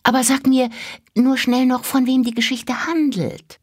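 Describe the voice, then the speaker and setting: A woman voicing a curious, excitable little girl who asks eager questions. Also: high voice, a little slow, husky, no echo, studio quality, pitched above the performer's own voice. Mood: excited.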